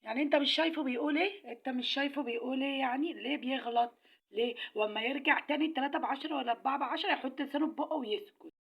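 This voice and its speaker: A woman's voice: high voice, racing, vocal fry, husky, full character voice. A woman voicing a touchy female tomato who argues back indignantly. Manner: indignant and argumentative. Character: touchy female tomato defending herself angrily. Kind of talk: comic voice filter skit. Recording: lo-fi dull filtered sound.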